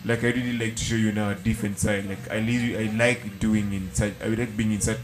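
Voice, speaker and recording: Low-voiced man telling a rambling story. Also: little pitch movement, quick pace. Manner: rambling storyteller with many restarts. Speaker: podcast co-host. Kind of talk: casual chat.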